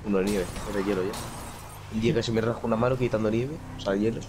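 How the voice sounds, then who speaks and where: Low-voiced young man, rambling. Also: steady tone, quick pace. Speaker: podcast co-host. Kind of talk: casual chat while gaming. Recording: noisy background.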